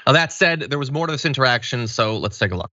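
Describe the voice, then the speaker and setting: An American man in his thirties gives measured, conversational commentary as a host. His voice is bright and of middle pitch, in a dry, slightly dull recording. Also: lively intonation, no echo. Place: small indoor studio.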